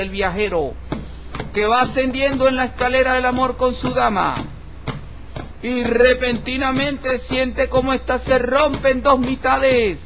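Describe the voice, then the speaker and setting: High-voiced man reading a solemn horoscope. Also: a bit bright. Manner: solemn, slow and formal, addressing listener respectfully. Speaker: tarot horoscope reader. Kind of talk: horoscope reading over tarot cards. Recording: dull lo-fi recording with faint hiss.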